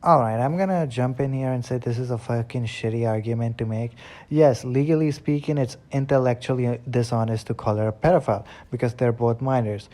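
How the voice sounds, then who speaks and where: A man's voice: mid-range voice, a little fast, mellow. A man with a non-American accent ranting bluntly and profanely while reacting to his own old videos. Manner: profane, blunt ranting with filler "all right?". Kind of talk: casual ranting commentary.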